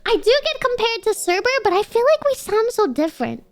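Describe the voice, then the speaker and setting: Young woman, very high nasal girlish voice, cute anime streamer style, lively swooping intonation, casual excitable chat, light music behind. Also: a little fast. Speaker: VTuber livestreamer. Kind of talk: casual livestream chat with viewers.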